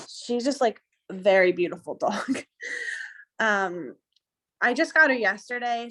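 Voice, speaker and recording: A woman's voice: medium pitch, a bit bright. A young woman fostering a rescue dog, chatting casually and gushing, with many ums and likes, over a video call. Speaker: foster volunteer.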